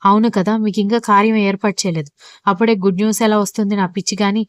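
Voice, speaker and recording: A woman's voice: mid-range voice, steady tone, racing, dry recording, studio quality, lightly acted. A woman voicing a firm, scolding middle-aged mother-in-law in a storybook reading.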